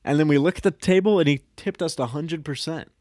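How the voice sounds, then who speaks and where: A man's voice: fairly high pitch, a little fast, dry recording, studio quality. A man co-hosting a podcast, casually telling a story, swearing freely and acting out what people said. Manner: animated, swears freely, acts out quotes. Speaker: podcast co-host.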